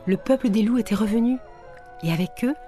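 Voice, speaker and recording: A woman reading a children's tale aloud, gentle and soft-spoken, at times dropping to a whisper. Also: on the high side, brisk. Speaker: storyteller. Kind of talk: storybook reading. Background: faint music.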